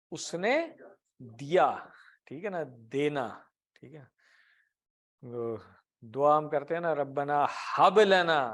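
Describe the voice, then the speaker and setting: A man teaching Arabic grammar in an Urdu classroom lecture, patiently explaining with everyday examples and asking the class questions. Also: on the high side. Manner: often ends points with a tag question.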